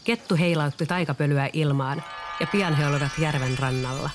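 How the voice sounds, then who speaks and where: A storyteller reading a children's storybook aloud in a calm, even way. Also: medium pitch, music in the background.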